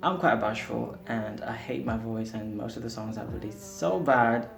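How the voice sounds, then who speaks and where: Gravelly, candid man with Portuguese as first language. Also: mid-range voice, normal speed. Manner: candid, self-deprecating, rambling with fillers. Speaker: singer-songwriter and vlogger. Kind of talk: casual chat to camera. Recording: roomy echo with music behind.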